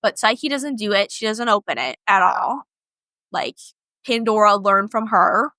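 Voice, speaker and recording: A woman's voice: medium pitch, lively intonation, a little slow, sharp tone, no room sound. A young woman co-hosting a podcast, retelling a myth in a chatty, slangy way with lots of "like". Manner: slangy, chatty, heavy use of "like". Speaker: podcast co-host. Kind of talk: casual storytelling.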